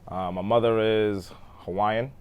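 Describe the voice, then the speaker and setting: Heard over phone-quality sound, this man in his thirties talks about his childhood as an interview podcast guest; he was born in Texas and grew up in Boston. His voice is on the low side, smooth and unhurried with fairly even intonation, and his casual storytelling is full of fillers and trailing off.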